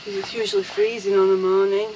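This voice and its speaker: A woman's voice: mid-range voice, little pitch movement, quick pace, a little mellow, a little hiss or hum, low-quality recording. A woman, chatting casually to camera as a vanlife vlogger, talking to her dogs and viewers. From England. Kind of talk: casual vlog chat. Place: inside a motorhome, then outdoors on a seafront promenade.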